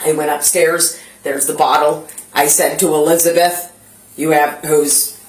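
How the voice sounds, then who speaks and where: A woman's voice: low voice, little pitch movement, measured pace. Give me a middle-aged woman telling police her story in anxious, restarting bursts, recorded on a body camera in a roomy house. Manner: rambling, anxious, many restarts. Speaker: mother in a police call. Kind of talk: tense spoken account to police. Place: inside a family home.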